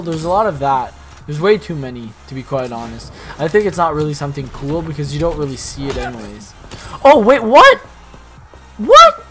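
A young man giving casual, slangy commentary while opening loot in a video game, excitable and rambling. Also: fairly high pitch. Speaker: gaming YouTuber.

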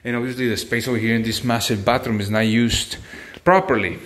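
A man's voice: medium pitch, steady tone, fairly quick, a bit bright. A man in his forties hosting a home remodeling walkthrough, explaining step by step with restarts and phrasing. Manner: explanatory, hesitant restarts, non-native phrasing. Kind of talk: casual walkthrough tutorial. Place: empty bedroom under demolition, indoors. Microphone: on-camera mic from a distance. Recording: roomy echo from far off.

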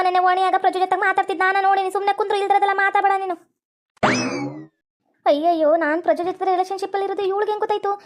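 Fast, very high-voiced woman. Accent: North Karnataka Kannada. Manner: scolding, quarrelsome, rapid. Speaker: narrator voicing every female figure. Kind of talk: cartoon voice acting.

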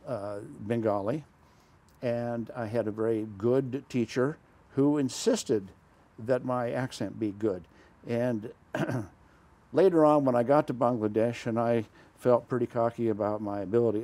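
In a small, dark studio, a retired diplomat with a gravelly, medium-pitched voice tells stories from his career for a conversational interview. He's older and halting, rambling with lots of "uh," small self-corrections and chuckles, picked up by a lapel mic.

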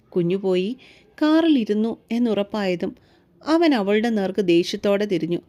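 A woman storyteller reading a romance novel aloud in a steady, expressive way. Her voice sits a little high and sounds warm and mellow. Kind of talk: scripted romance audiobook narration.

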